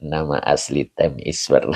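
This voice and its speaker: A man, an Islamic teacher greeting online viewers by name in a chatty way, often chuckling and clearing his throat. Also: very deep voice, flat delivery, unhurried, a little mellow. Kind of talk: greeting viewers of an online religious study session.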